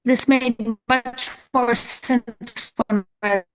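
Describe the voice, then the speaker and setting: A woman in a committee meeting, joining remotely, whose speech comes through in halting fragments over online call audio that keeps breaking up. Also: a little high, steady tone. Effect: choppy online call audio breaking up. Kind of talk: meeting discussion.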